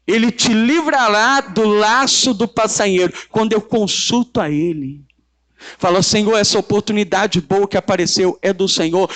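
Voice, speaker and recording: In a high-pitched voice, a Brazilian Portuguese-accented pastor delivers an emphatic, repetitive church sermon. The congregation answers him in call-and-response.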